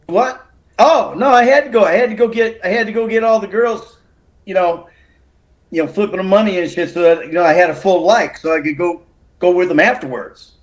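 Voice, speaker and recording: A middle-aged man speaks over a video call from inside a room, his voice set fairly high for a man. He is gruff and joking, and he swears casually as he teases. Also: fairly quick, poor audio. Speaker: guest voice actor. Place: room indoors.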